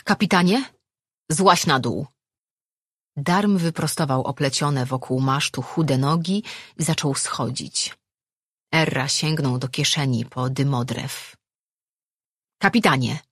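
A narrator reading a fantasy novel aloud in a steady storytelling manner. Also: mid-range voice, breathy edge, dry recording, studio quality. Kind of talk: audiobook narration.

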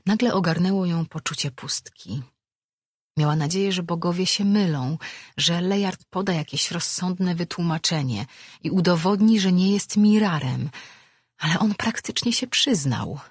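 An audiobook narrator reading a fantasy novel in steady scripted narration. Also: medium pitch, moderate pace, slightly rough, dry recording, clean studio sound.

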